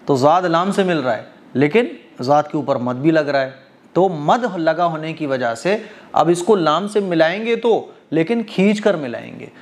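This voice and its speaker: Guy teaching quran reading, slightly high voice, walks through rules step by step then chants verses slow and stretched. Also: expressive. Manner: explains step by step, often checks understanding; chants verses slowly with drawn-out vowels. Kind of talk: tajweed lesson.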